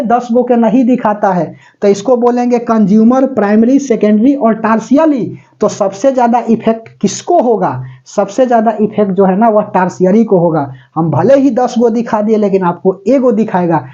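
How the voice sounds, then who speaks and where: A man's voice: high voice, normal speed, hardly any pauses, dark tone, muffled recording. A male teacher giving a chatty classroom lecture, mixing English terms into his talk and often checking that students follow. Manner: mixes English terms into Hindi; breaks into snatches of song.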